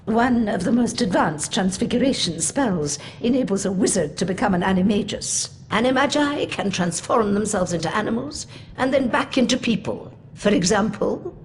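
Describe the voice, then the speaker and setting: A woman's voice: mid-range voice, animated, normal speed, a little hiss or hum, close to an everyday voice. A woman playing a stern but fair older professor in a video game, speaking formally and precisely like a schoolmistress. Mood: formal, instructive.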